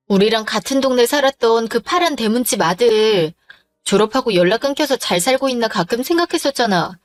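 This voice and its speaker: A woman's voice: fairly high pitch, dry recording, studio quality, lightly acted. A woman voicing a weary, wrongly accused wife. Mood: explaining. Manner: defensive, weary, pleading. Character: young wife, wrongly accused, exasperated and tired. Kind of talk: dramatized story narration.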